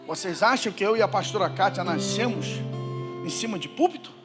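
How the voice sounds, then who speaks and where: A man preaching a Pentecostal sermon in church with a Brazilian Portuguese accent, moving from quiet, low talk to shouted proclamations. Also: expressive, brisk, over loud music. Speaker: pastor.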